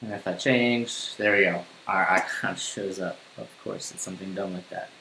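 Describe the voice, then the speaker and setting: Low-voiced man thinking aloud over code. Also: steady tone, moderate pace, creaky, sharp tone. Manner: casual, thinking aloud while typing. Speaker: coding tutor. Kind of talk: screencast coding tutorial. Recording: roomy home recording with faint hiss.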